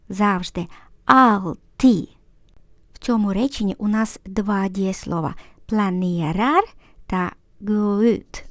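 Patiently explaining grammar, a woman teaches a language lesson and repeats example sentences slowly and clearly. Her voice is mid-range with a darkish tone, and the recording is studio quality with no room sound.

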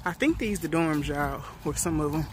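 A young woman vlogs on a college campus, holding her phone at arm's length outdoors and chatting playfully with viewers. Her voice is low, her speed normal, and background noise can be heard.

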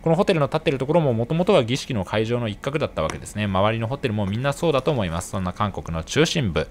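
A man narrating his solo trip as a travel vlogger, chatty and explanatory with light joking asides. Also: medium pitch.

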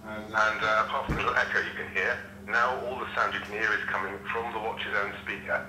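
A man's voice: lowish voice, level tone, brisk, sharp tone. A man giving a casual product demonstration, his voice played through a small watch phone speaker. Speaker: tech reviewer. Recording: echoey, noisy watch speakerphone call.

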